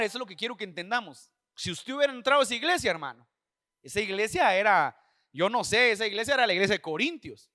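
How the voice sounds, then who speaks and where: A man's voice: high voice, sharp tone, no room sound, studio quality. A man preaching a sermon at a church service, with impassioned, repetitive phrasing and direct appeals to the listener.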